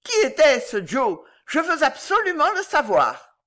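A woman voicing a deaf, frightened old lady with a trembling, high-pitched voice. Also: sing-song, measured pace. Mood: alarmed, shrill.

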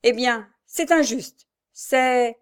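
A woman's voice: on the high side, moderate pace, darkish tone, natural voice. Female reader as a meek, frail little man, pleading and timid, storybook. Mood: bitter. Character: meek frail small knife-grinder brother, man.

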